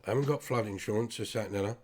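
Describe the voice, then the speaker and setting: A man's voice: lowish voice, racing, darkish tone. A British man talking straight to his listeners in a blunt, sweary, rambling monologue. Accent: British English. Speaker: vlogger. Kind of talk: casual ranting monologue.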